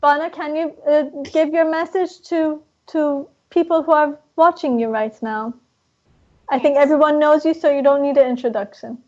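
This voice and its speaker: A woman's voice: sits high, fairly even intonation, moderate pace, mellow. A woman moderating an online panel, introducing guests politely with frequent fillers. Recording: muffled online broadcast audio.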